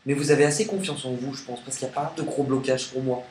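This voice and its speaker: A man's voice: mid-range voice, fairly even intonation, fast talker, a little mellow. A man talks through a tarot card reading in a casual, playful way. He lifts his voice and hams it up when he reads a card's words aloud. The room is echoey, with faint ambient noise under him.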